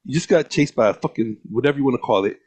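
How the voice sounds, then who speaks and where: A man co-hosting a podcast, chatting casually in an animated, slangy way with plenty of swearing. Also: mid-range voice, racing. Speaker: podcast co-host. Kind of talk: casual chat.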